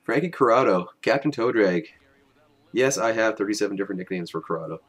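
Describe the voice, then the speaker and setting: Young guy doing goofy hockey highlight commentary, lowish voice, sarcastic and jokey. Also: fairly quick. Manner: wry, joking, self-mocking. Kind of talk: casual play-by-play voice-over.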